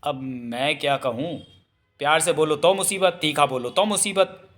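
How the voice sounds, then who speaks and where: A man's voice: on the high side, normal speed, fairly bright tone, lightly acted. A male narrator voicing a weary, henpecked husband who answers in a resigned, innocent-sounding way in a storybook reading. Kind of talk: audiobook character voice.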